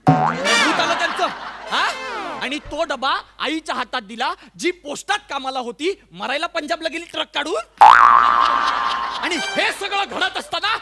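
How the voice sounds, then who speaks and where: वैतागलेला, उपहास करणारा जावई. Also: male voice, extremely high pitch, big pitch swings, a little slow, creaky, over loud music, exaggerated voice. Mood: sarcastic. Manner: sarcastic, loud and scolding. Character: exasperated son-in-law mocking the story. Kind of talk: stage sketch comedy.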